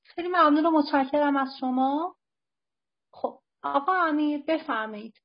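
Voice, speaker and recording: A woman moderating an online meeting, brief, courteous and formal as she hands the floor to each speaker. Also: sits high. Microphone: online call. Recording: dull online call audio.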